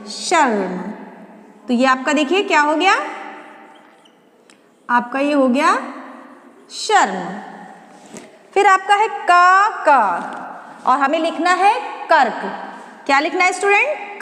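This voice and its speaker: Slow, high-voiced woman teacher in an echoey room. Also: a bit bright. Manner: slow, question-and-answer teaching, drawing out each syllable. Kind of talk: classroom lesson for children. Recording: echoey room with long reverb.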